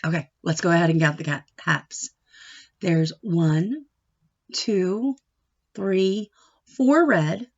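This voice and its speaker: In a fairly low voice, a woman teaches a read-aloud lesson for small kids, working through a picture book in deliberate short phrases. She asks questions and answers them as she goes, reading the story expressively. The audio is dull and lo-fi.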